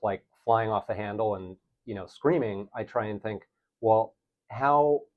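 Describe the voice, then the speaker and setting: Middle-aged new guy, low voice, earnest and thoughtful, kinda dull lo-fi sound. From New York City. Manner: thoughtful, earnest, self-correcting. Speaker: teacher, interview guest. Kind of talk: relaxed reflective conversation.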